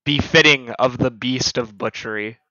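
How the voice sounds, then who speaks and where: Bright-voiced man running a tabletop game. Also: medium pitch, moderate pace. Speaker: game master. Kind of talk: narrating a tabletop role-playing game. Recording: roomy, slightly dull voice recording.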